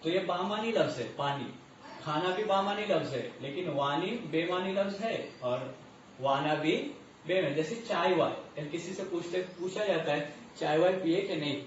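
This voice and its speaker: A man's voice: on the high side, slight background noise. Man teaching grammar in an echoey room. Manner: repeats terms slowly, asks and answers his own questions. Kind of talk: grammar lesson. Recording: muffled echoey distant recording.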